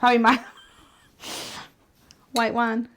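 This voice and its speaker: A woman's voice: fairly high pitch, completely flat delivery, extremely slow, noisy background. A woman with a Southern country accent, chatting casually and laughing easily as she cooks in her home kitchen. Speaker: home cook, co-host. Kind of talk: casual cooking chat.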